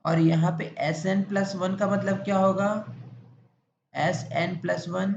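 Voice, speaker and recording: A man with an Indian accent teaching a maths lecture in a classroom, repeatedly asking questions and answering them himself in a drawn-out explanatory way. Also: sits high, level tone, vocal fry. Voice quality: repetitive, drawn-out explanatory delivery. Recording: echoey, muffled classroom recording with faint noise.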